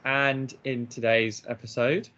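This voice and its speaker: A blunt, opinionated man jokes around with his co-hosts in casual podcast chat. His medium-pitched voice is flat, unhurried and sharp in tone, captured in dull lo-fi podcast audio.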